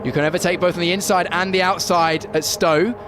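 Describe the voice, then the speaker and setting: Male motorsport commentator, slightly high voice, keen analytical race explanation, clear car and outdoor noise. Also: steady tone, a little fast.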